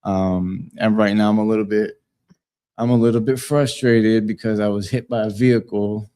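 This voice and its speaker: A man born in South America and raised in Puerto Rico speaks as a guest on a radio show. His low, dark voice is laid-back, with many pauses and fillers. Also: fairly even intonation, smooth. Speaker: guest, business owner. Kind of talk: casual interview.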